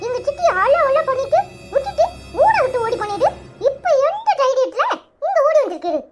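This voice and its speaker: A performer puts on a cocky young village man in a cartoon comedy, speaking with a Tirunelveli Tamil accent. His voice is pushed very high and swoops all over as he jeers and dares the other side. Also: sing-song, fairly quick, soft background music. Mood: taunting. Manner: taunting, jeering.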